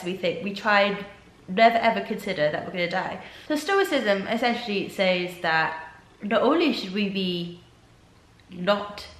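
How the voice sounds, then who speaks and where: A young woman with a blocked nose and a sore throat talks to camera in a casual vlog. Her voice sits mid-range and sounds nasal and tired, though she stays earnest and thoughtful. The room around her is roomy and echoey. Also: a bit bright. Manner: earnest, reflective, low-energy. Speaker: vlogger.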